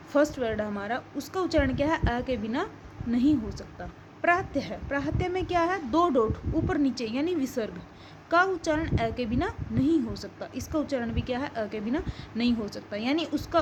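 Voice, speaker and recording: A woman's voice: high-pitched, background noise. A woman school teacher giving an online grammar lesson, explaining step by step and answering her own questions.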